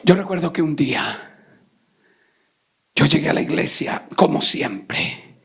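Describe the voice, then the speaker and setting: A man from Colombia preaching a Pentecostal sermon, moving between shouted preaching and quick, hushed storytelling and calling out to the congregation. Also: on the high side, lively intonation, gravelly, slightly rough. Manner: calls out to the congregation. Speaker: pastor. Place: church sanctuary.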